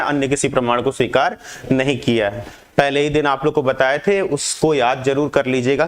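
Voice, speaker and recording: Male tutor, slightly high voice, exam-prep lesson, reads questions, pushes for quick answers.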